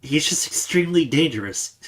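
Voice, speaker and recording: A man's voice: a little high, expressive, brisk, a bit bright. A man narrating a tabletop game as game master, describing scenes and often restarting his sentences.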